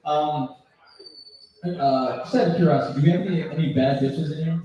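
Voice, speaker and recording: A man emcees an open mic night in a small bar, introducing acts and riffing with the crowd. His voice is mellow and fairly high for a man. It echoes around the hard room from a little way off the mic. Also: a little fast, far from the mic, muffled recording. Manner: loose, joking, laughs between lines. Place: small bar with live audience.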